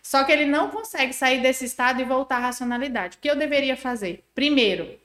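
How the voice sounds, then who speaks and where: A woman's voice: high voice, quick pace, reverberant. A woman on a podcast explaining parenting step by step, acting out what a child and a parent say. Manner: animated, acts out child and parent voices. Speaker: guest parenting expert.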